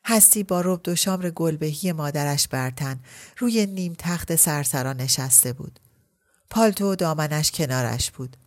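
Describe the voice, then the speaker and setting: A woman narrating a literary story as an audiobook, reading at a measured pace. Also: low voice, lively intonation.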